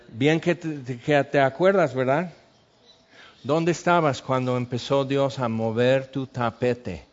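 A man preaching a sermon, telling stories with sound effects and sometimes dropping to a hush. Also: mid-range voice, lo-fi sound. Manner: animated storytelling with sound effects, dropping to hushed tones. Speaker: pastor.

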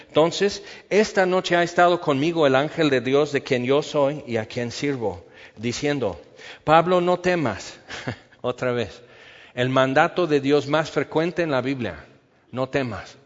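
Preacher, man, animated sermon with acted-out quotes; lo-fi, hall reverb. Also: mid-range voice, measured pace. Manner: animated, acts out quoted voices, rhetorical questions. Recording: lo-fi echoey hall.

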